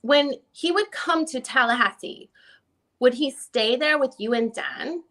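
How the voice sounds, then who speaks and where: Reading a deposition dramatically, a woman plays a female attorney examining a witness step by step. She sounds bright and forceful, slightly high, and her questions are formal, deliberate, and probing.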